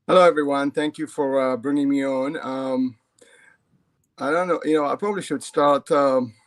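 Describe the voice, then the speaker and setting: A middle-aged man from Israel, a ceramic artist guest, telling his life story over a video call in a halting way. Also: medium pitch, steady tone. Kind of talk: casual storytelling in an interview.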